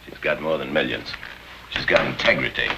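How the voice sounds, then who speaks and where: Deep-voiced skeptical writer guy, dry wisecracks, noisy old tv audio. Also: fairly quick, vocal fry. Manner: dry, sardonic. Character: skeptical male writer, Maggie's sweetheart. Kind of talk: 1950s television drama acting.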